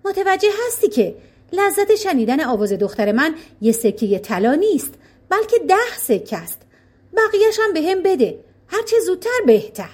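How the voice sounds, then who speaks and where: A woman voicing a greedy, boastful grown man in a storybook tale. He talks in an eager, grasping, excitable way. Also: very high voice, voice pushed up. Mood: demanding.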